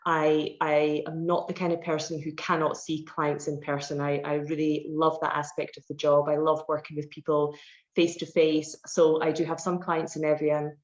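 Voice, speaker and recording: On a roomy, dull online call, a woman in her forties from Scotland speaks at a normal speed in a low, flat voice. As a personal trainer invited as a guest, she gives casual interview answers, explaining at length with lots of fillers.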